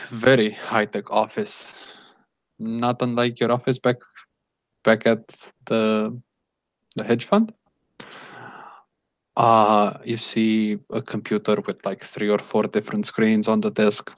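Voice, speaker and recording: A man improvising narration as game master of a tabletop game, haltingly, searching for words. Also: fairly low pitch, fairly even intonation. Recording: echoey room, dull lo-fi sound.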